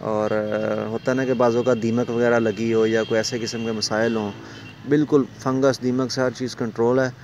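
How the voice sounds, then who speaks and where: A man's voice: mid-range voice, level tone, moderate pace, darkish tone, dull audio, a little hiss or hum. Man with a Pakistani Urdu accent showing a house. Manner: salesy, keeps pointing things out to the viewer. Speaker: property dealer giving a house tour. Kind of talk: walking house-tour vlog. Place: large empty house, indoors and on stairs. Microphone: phone camera held while walking.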